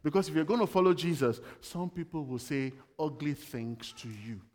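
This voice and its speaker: A man's voice: a little high, animated, moderate pace, a little mellow, long reverb tail, slight background noise. A man giving a sermon in a conversational way, telling everyday stories and asking the congregation questions. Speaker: preacher.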